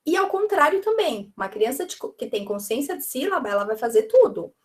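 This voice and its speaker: A woman's voice: high-pitched, very animated, a little fast. A woman with a São Paulo Brazilian accent explaining teaching ideas in an online teacher training, talking in a chatty, explanatory way with many "né?" and "tá?". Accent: Brazilian Portuguese, São Paulo. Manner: explanatory, uses diminutives and frequent "né?" and "tá?". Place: live stream presentation.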